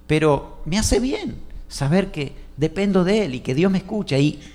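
Man preaching a sermon, slightly high voice, goes from loud and punchy to soft and quiet, keeps asking the church questions. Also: sing-song, moderate pace. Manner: swings between loud emphatic lines and soft, hushed asides; asks the congregation questions. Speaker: pastor.

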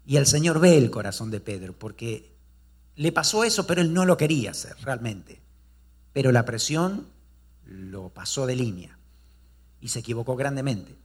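A male pastor with a slightly rough, mid-range voice preaches at a moderate pace. He tells a story with animated delivery, putting rhetorical questions to the congregation.

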